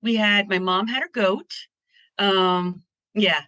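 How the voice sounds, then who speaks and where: A woman's voice: mid-range voice, slow, sharp tone, no room sound, lo-fi sound. A woman from Pennsylvania chatting as an interview guest, upbeat and rambling with restarts. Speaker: guest artist. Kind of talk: casual interview chat.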